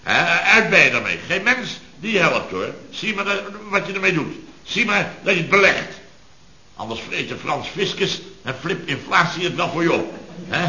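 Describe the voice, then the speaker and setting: In a dull, roomy vintage recording of 1970s radio comedy, a man in full character voice plays a puffed-up rich building contractor boss who's blustery, self-pitying and boastful. His voice is a little high, shrill, sing-song, pushed and bright at a moderate pace, and he grumbles pompously and emphatically, aggrieved and blustering, repeating himself.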